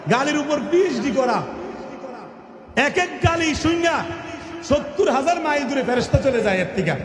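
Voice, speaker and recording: High-pitched preacher man in echoey hall. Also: animated, moderate pace. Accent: Bangladeshi Bengali. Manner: mocking, mimics the people he scolds, shouts for emphasis. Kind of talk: fiery sermon. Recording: echoey hall with long reverb.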